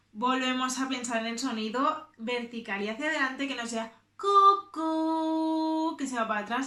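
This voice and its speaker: A woman from teaching a choir vocal lesson, explaining technique slowly and demonstrating sung exercises and animal sounds. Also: on the high side, sharp tone, reverberant.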